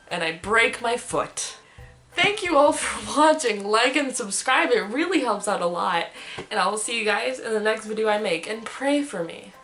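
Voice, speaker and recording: A young woman vlogging, telling a story in a casual, animated way and laughing often as she talks. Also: on the high side.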